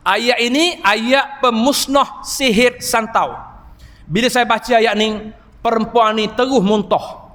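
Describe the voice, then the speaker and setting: A preacher delivers an evening sermon in a large mosque. He tells stories with animated emphasis and exclamations. His voice is unusually high, and it rings with a long hall echo through the PA. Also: slow. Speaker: Islamic preacher and healer.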